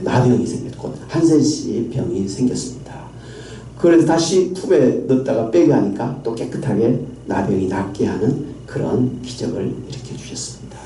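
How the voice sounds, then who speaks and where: A man's voice: mid-range voice, dark tone. A man, a pastor, preaching an emphatic sermon, quoting scripture and using fillers as he goes. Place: church sanctuary. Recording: echoey church hall, distant mic.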